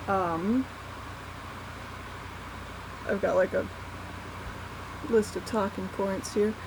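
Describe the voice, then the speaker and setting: A young adult vlogger speaking in a halting, candid, self-deprecating way in a casual unscripted confessional. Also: mid-range voice, fairly even intonation. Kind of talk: casual unscripted confessional vlog, one take. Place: small warm bedroom at night. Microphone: laptop built-in mic. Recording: laptop mic with loud fan noise. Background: whirring fan.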